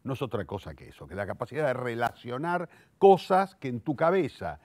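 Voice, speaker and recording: On a dry recording, a man of medium pitch sounds very animated and a little mellow, speaking fairly quickly. He's a Rioplatense Argentine playwright, director and theatre teacher in his sixties giving an eloquent, reflective interview, thinking aloud with self-corrections and repeated words as he seeks the next one.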